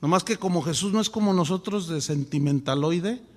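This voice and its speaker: A male pastor preaching a sermon with a high-pitched voice, full of rhetorical questions and acted-out quotes. His voice carries a long reverb, as if in a large church hall. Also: a little fast, darkish tone.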